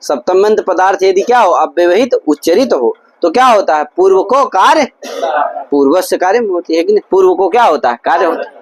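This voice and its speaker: In a gurukul classroom, a man lectures on Sanskrit grammar, drilling his students with constant repeated questions and repetitive explanations. His voice sits high, animated and fairly quick, and the recording is rough.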